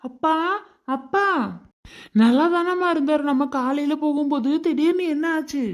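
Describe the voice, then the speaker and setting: A woman voicing a worried grown-up son and husband in a cartoon, speaking slowly and asking what happened. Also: high-pitched, pitched below the performer's own voice, close to an everyday voice. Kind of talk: cartoon voice acting.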